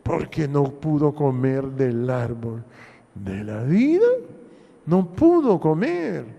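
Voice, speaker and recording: A man's voice: fairly high pitch, sing-song, slow pace, gravelly, mellow, muffled recording. A man with a Honduran accent, preaching a sermon as pastor and putting rhetorical questions to the congregation in a long church reverb. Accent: Honduran Spanish. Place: church hall.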